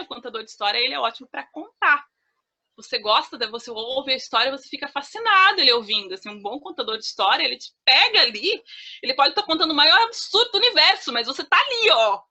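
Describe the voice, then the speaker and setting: Bright-voiced Brazilian woman leading a workshop. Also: high voice. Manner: chatty, loose, many fillers and restarts; laughs easily while explaining. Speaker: creative writing workshop leader; author of children's stories and poems. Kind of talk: informal teaching talk.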